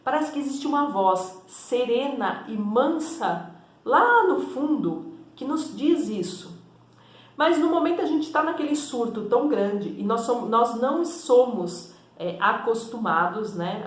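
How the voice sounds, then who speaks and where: In an echoey room, a woman who works as an energy and spiritual therapist gives a teaching monologue to camera in a fairly high, expressive, unhurried voice. Her explanations are conversational, and she often checks in with tag questions.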